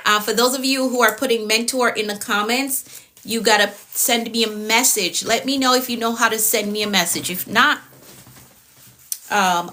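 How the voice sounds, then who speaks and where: Woman, late 30s, productivity coach doing a live stream, bright tone, firm and repetitive delivery. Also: medium pitch. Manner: repetitive, firm, tags lines with okay.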